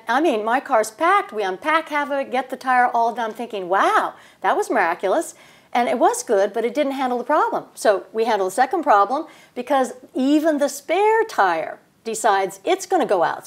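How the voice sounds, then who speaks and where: A woman co-hosting a talk show tells a story with lively energy, acting out the people she quotes. Her voice sits a little higher than most women's. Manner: animated, acts out quoted voices. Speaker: co-host. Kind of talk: casual storytelling chat.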